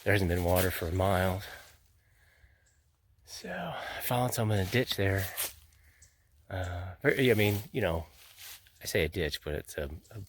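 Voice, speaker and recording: A man's voice: sits low, lively intonation, measured pace, long pauses, slight background noise. A man vlogging on a long-distance hike, talking casually and rambling, laughing often and swearing now and then, sometimes out of breath, into a handheld phone outdoors in the mountains. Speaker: thru-hiker vlogging on the trail. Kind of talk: casual handheld trail vlog. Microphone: phone camera held by hand.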